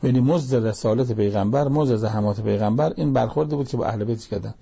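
A man's voice: mid-range voice, gravelly, dark tone, breathy edge. A man preaching a sermon, reciting Arabic verses, explaining them, and pressing listeners with pointed rhetorical questions.

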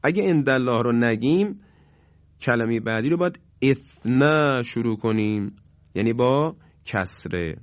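A man teaching Quran recitation in a broadcast lesson, patiently repeating each example slowly and clearly. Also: mid-range voice, lively intonation, dry recording. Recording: dull, dry studio sound.

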